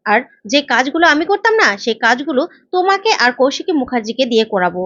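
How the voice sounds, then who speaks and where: A woman's voice: high-pitched, very animated, fast, fairly bright tone, no room sound, heavily acted. A woman voicing a smug, scheming man who taunts and gloats, on a slightly dull lo-fi recording. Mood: gloating.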